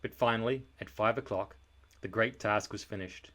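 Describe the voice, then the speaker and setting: Using a fairly low-pitched voice, a man reads a children's storybook aloud with expressive, scripted narration and dramatic, deliberate emphasis.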